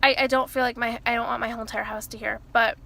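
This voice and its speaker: A loud vlogger in her early twenties sits in her car chatting confessionally to camera, her slightly high, creaky voice fast with little pitch movement. She rambles and interrupts herself, restarting often and filling gaps with "like" and "you know."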